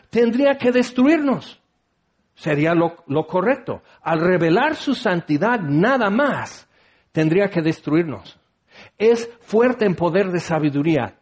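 High-voiced preacher. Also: male voice, a little mellow. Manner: conversational, acts out listeners' replies, asks rhetorical questions. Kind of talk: sermon.

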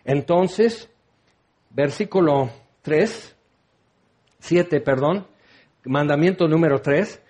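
A preacher with a fairly high voice for a man. He talks through his sermon casually, firing off rhetorical questions and slipping in wry asides. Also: takes it slowly, long pauses, a little mellow. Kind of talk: conversational sermon.

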